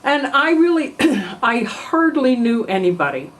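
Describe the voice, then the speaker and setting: An older woman from New York telling family memories in an unhurried way, often clearing her throat. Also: sits high, big pitch swings, poor audio. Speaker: family memoir narrator. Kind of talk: reminiscing oral history.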